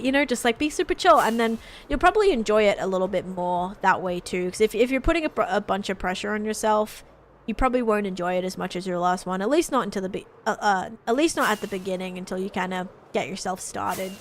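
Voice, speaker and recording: A young woman streaming a game live, chatting casually, answering her chat and getting excited over finds. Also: medium pitch, fast.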